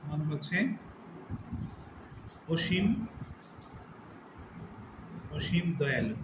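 A man with a slightly high voice teaches a religious lesson, going over each term again and again. He slows right down to stretch out the recited words. The recording is echoey, with a steady background noise. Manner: explains step by step, repeating terms and drawing out recited words slowly. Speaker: Quran teacher. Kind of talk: religious lesson on word meanings and recitation rules.

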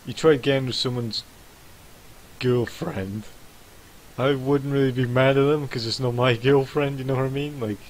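A man's voice: medium pitch, steady tone, moderate pace, a little hiss or hum, rough recording. A man commentating a game he's playing, swearing constantly and rambling through his thoughts. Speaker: gaming YouTuber. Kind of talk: let's play commentary.

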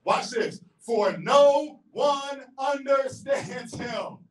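A middle-aged Southern US pastor preaches emphatically and very slowly, his high voice swinging from ringing shouts to hushed low asides as he paces and gestures across the stage. He holds a handheld mic in a large auditorium, filmed from far back. The sound is echoey and roomy, heard from a distance.

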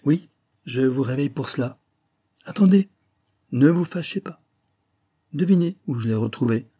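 A man's voice: medium pitch, animated, moderate pace, dark tone, slightly rough. A man reading an audiobook voices a self-assured police inspector with an ironic, teasing manner.

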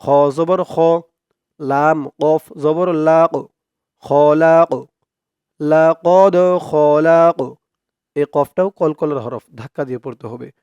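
A man leads a recitation lesson in a smooth, resonant voice that sits a little high for a man. He drags the recited syllables out slowly, then drops into quicker, quieter explanation. The sound is dry and close, with no room around it. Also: no echo, dull audio. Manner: slow, drawn-out recitation alternating with quick spoken explanation. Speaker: Quran recitation teacher.

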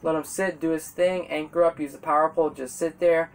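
A man's voice: a little high, level tone, fairly quick, creaky. A teenage boy hosting a fishing channel, chatting casually and gesturing a lot as he explains, outdoors on a boat on the water. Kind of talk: casual how-to vlog.

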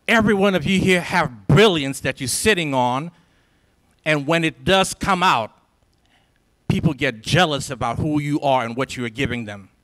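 Here the Liberian symposium speaker, a man in his forties, rallies students in a large lecture hall through a handheld microphone. The voice is a little high and a bit bright, at normal speed with lively intonation, and his preacher-style delivery leans on emphatic repetition.

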